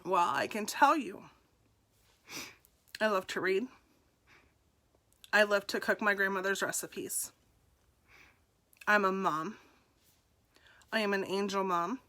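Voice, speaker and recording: Woman, 40s. Candid, self-deprecating storyteller speaking to camera with a bright, clear tone. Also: mid-range voice, takes it slowly, pauses often. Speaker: nurse and direct seller.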